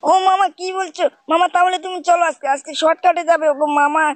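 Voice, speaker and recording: Shinchan, a gamer doing a squeaky whiny cartoon kid. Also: steady tone, fast, no room sound. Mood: eager. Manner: whiny, ends every sentence with "mama". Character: whiny little boy nephew, cartoon kid. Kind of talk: cartoon voice over gameplay.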